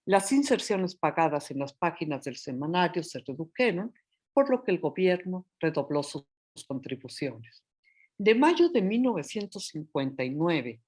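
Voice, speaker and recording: A woman reading a prepared history lecture aloud, careful and measured, slowing down to sound out Nahuatl place names. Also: on the low side, darkish tone. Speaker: historian presenting her book.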